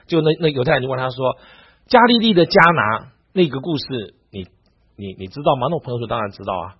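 Man, Bible teacher, husky raspy voice, animated, repeats himself, muffled lo-fi recording. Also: medium pitch, quick pace. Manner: animated, repeats words, stammers on restarts. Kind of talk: teaching talk on Bible reading. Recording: dull lo-fi sound.

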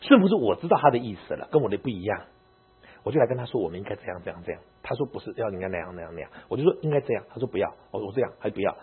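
Husky, lively male church elder preaching. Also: lowish voice, racing. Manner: animated storytelling, mixing in English words. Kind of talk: sermon. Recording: muffled lo-fi recording with mains hum.

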